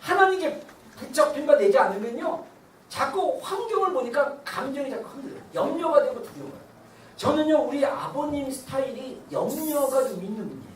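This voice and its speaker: Woman pastor, high voice, lively sermon, echoey hall, distant mic. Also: brisk, slight background noise. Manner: lively preaching, shouting out cries to God. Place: church sanctuary. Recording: roomy church hall from far off.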